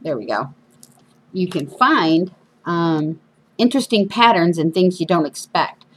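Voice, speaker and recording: A woman's voice: on the low side, expressive, measured pace, slight background noise. A woman with whistling sibilants from missing front teeth, hosting a casual, chatty craft demonstration with informal, self-deprecating asides. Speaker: craft show host. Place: indoors at a craft table.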